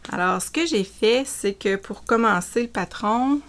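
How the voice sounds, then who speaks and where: This woman, a knitting vlogger with a Quebec French accent, speaks unhurriedly in a slightly high, fairly bright voice with lively intonation. She chats casually through her show-and-tell, using frequent fillers.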